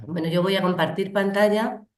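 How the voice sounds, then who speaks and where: A woman with a cold presenting a community project in an online training session, speaking slowly and deliberately. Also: mid-range voice, fairly even intonation, roomy sound. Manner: slow, deliberate delivery. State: has a cold.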